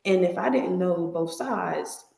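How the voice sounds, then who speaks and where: A woman's voice: on the low side, unhurried, creaky, mellow. A young woman chatting casually as a podcast guest, her voice echoing around an empty apartment room. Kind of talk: casual conversational interview. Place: empty, newly moved-into apartment.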